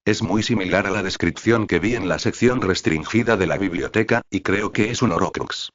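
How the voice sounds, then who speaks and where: A man reading the lines of a cool, calculating young wizard, calm and measured. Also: fairly low pitch, close to an everyday voice. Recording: dull lo-fi audio.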